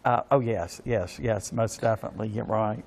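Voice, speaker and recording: A man, giving courteous, formal interview answers haltingly, with many pauses and repeated words. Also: lowish voice, gravelly, darkish tone. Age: 60s. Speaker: interview guest, pageant organization official. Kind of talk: polite spoken interview answers.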